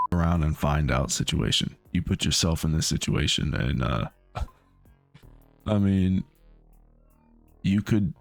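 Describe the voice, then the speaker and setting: Man, reaction commentary, deep voice, gravelly, dry close sound, incredulous, halting restarts. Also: dry recording. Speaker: reaction video host.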